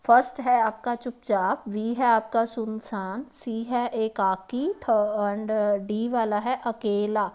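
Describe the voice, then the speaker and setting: Slow, patient woman teaching grammar. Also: a little high, steady tone, a little mellow. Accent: Himachali Hindi. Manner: patient, repeats "ठीक है" and "है ना", many hesitations. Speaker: exam prep teacher. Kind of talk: explaining Hindi grammar questions.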